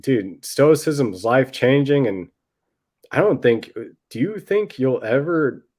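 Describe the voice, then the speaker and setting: A man's voice: mid-range voice, animated, measured pace, a little mellow. A man co-hosting a podcast in casual chat, laid-back and often calling his friend "dude" and "man". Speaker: podcast co-host.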